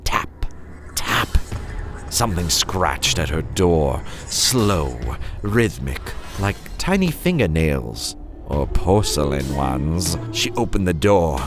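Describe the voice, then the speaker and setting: Over music, a low-voiced man with big pitch swings narrates a horror story as its host. His delivery is theatrical and full of suspense, broken up by playful asides and dramatic pauses.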